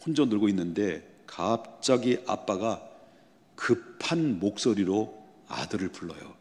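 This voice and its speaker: A male pastor delivering a sermon, often asking his congregation rhetorical questions and building to loud, emphatic passages. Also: fairly low pitch, expressive, unhurried. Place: church sanctuary. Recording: long church hall reverb.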